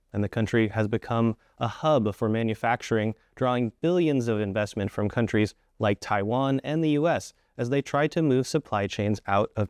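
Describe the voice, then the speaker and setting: Smooth-voiced male news host. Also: medium pitch, a little mellow, no room sound, clean studio sound. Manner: clear, composed presenter delivery. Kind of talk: scripted news intro and interview.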